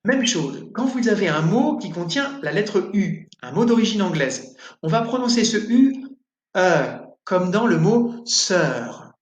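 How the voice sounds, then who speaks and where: A man from France with a French accent, teaching a pronunciation lesson and articulating each example word clearly. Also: high-pitched, sing-song, measured pace, roomy sound, dull audio.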